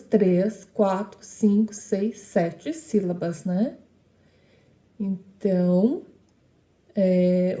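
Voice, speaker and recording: A woman's voice: medium pitch, mellow, roomy sound. A woman teaching a lesson on poetic meter, explaining step by step and often checking in with short tag questions.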